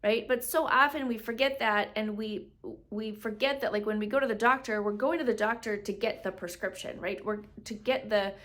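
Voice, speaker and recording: A woman's voice: mid-range voice, moderate pace, a bit bright. A woman hosting a solo business podcast, talking conversationally and checking in with rhetorical questions like "right?", now and then acting out customers' voices in quoted asides. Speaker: podcast host, business coach.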